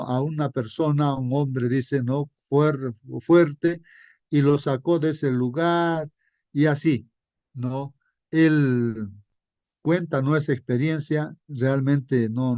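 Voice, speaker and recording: A man's voice: a little high, darkish tone, no room sound. A man giving an informal sermon as a Sabbath school teacher, telling stories in a conversational way and often calling his listeners brothers. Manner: conversational, adds frequent tag questions.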